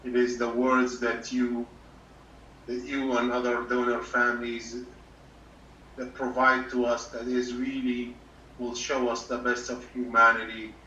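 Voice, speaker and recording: A man, a doctor, speaking sincerely but haltingly on a video call, with many pauses and filler words. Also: medium pitch, completely flat delivery, bright, forceful tone. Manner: halting, full of uh's, formal and sincere. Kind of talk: thanking a guest on a video call. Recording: muffled, distant, echoey room with faint hum.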